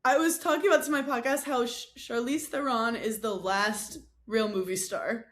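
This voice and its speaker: A young woman guest on a casual podcast with a fairly high voice. She tells stories in an animated way and makes fun of herself as she goes. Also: normal speed. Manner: animated storyteller, self-mocking. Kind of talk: casual chat.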